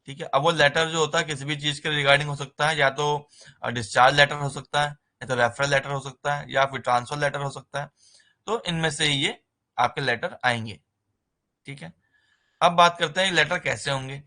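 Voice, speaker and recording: A man teaching a nursing writing-exam lesson in a conversational way, often pausing with a filler and mixing terms into his speech. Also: on the high side, steady tone, bright, forceful tone. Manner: conversational, repeats "ठीक है" as a filler, mixes English terms into Hindi. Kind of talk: explaining exam basics in a recorded lesson.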